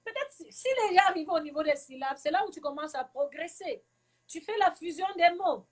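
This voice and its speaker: A woman's voice: very high voice, lively intonation, a little fast. A woman from Cameroon, a teacher, giving earnest advice to parents in a live talk and repeating her key points for emphasis.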